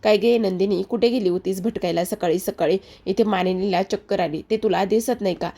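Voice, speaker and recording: A woman voicing a sharp-tongued woman of the household who taunts and complains. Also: mid-range voice, fairly even intonation, brisk, vocal fry. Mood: taunting.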